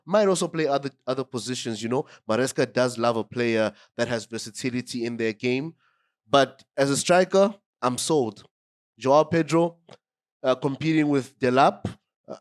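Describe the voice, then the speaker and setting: A man with a groggy voice from a cold gives a casual fan review of a football match. He sits at a middle pitch and keeps addressing his viewers directly, getting excited as he goes. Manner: excitable, talks straight to viewers. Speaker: football fan channel host.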